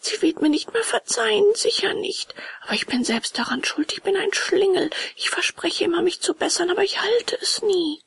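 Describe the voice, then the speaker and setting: A woman voicing a naughty young wooden puppet boy in a storybook, with a high, raspy voice. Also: animated, moderate pace, few pauses, no echo, in a whisper, full character voice. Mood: remorseful.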